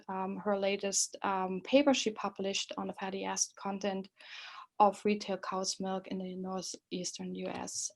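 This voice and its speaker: A woman in her forties from East Germany with a German accent, an associate professor presenting a webinar, earnest and full of ums and uhs. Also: mid-range voice. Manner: many um and uh fillers, friendly and earnest.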